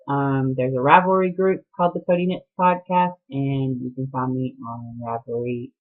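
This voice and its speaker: Southern gal from georgia rambling on her podcast at home, slow and chatty, tinny phone-ish audio. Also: low voice. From Atlanta, Georgia. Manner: chatty and rambling, laughs often. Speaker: podcast host. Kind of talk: casual video podcast chat.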